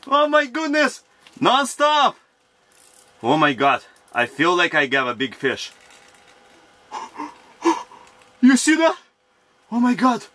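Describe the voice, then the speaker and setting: A man in his thirties talking to camera from an ice-fishing tent, in broken non-native English and breaking into excited exclamations. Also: very high voice, a little hiss or hum. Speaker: fishing vlogger. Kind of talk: casual vlog narration to camera. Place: inside an ice-fishing tent on a frozen lake. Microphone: action camera mounted in the tent.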